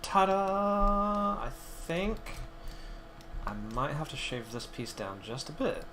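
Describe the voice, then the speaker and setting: A man's voice: high-pitched, big pitch swings, takes it slowly, background noise. A man streaming his 3D design work, chatting casually and muttering to himself as he models. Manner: thinks aloud, muttering at his own work. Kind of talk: casual chat while modeling.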